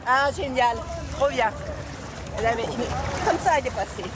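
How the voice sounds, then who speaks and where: A woman tourist giving spontaneous, excited, halting reactions in an interview. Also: sits high. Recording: loud outdoor boat and engine noise.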